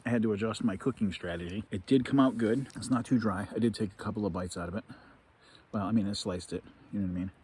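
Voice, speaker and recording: A man talking casually to himself in an unhurried, musing way, like a solo camper narrating his outdoor vlog. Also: on the low side. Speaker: solo camping vlogger. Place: outdoors at a woodland campsite and in a tent. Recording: outdoor recording with steady background noise.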